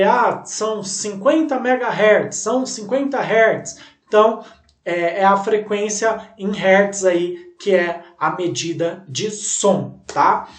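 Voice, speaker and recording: Brazilian man lecturing from a distance. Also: high-pitched. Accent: Brazilian Portuguese. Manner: rambling, lots of fillers and rhetorical tag questions. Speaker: teacher. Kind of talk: recorded video lecture. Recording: roomy sound, voice distant from the mic.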